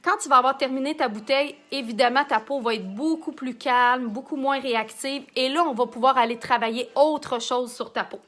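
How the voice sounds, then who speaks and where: Bright, high-voiced Québécois woman. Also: normal speed, few pauses. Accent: Québécois French. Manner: chatty, answers viewer comments while working. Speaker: makeup artist hosting a live stream. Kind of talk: live makeup demonstration.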